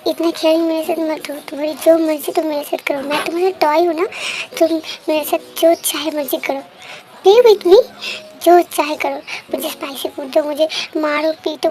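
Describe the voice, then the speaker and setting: A sick, resentful young woman throws accusations in a sarcastic, drawn-out way, as a woman reads her in a storybook reading. Her voice is very high. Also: darkish tone. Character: feverish bitter young woman, resentful and hurt.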